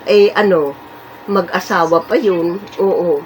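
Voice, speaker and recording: A woman's voice: lowish voice, slow, darkish tone, slight background noise, poor audio. A woman in her eighties chatting casually as a vlogger. She rambles and stresses her points, often stopping to affirm what she just said. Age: 80s. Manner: chatty, rambling, emphatic, repeats and affirms with fillers. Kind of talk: casual chat.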